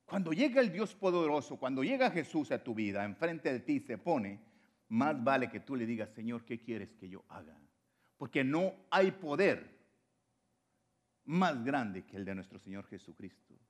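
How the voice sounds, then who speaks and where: A man preaching a sermon, moving between loud exhortation and quiet, low drops. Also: sing-song, moderate pace.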